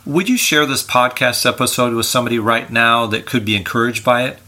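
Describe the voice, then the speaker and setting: Older man, podcast co-host, bright tone, earnest, encouraging. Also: mid-range voice, brisk.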